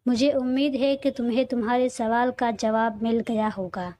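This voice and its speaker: A woman's voice: on the high side, steady tone, moderate pace, dark tone, no echo, lightly acted. A woman reading a reserved young man. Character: earnest, reserved young man looking for work.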